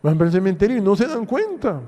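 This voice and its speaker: A Honduran man preaches a sermon as pastor, slow and deliberate, his somewhat high voice rising and falling widely. His tone is dark and mellow, and he keeps asking the congregation rhetorical questions. A long church reverb hangs behind every phrase. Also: big pitch swings. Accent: Honduran Spanish. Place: church hall.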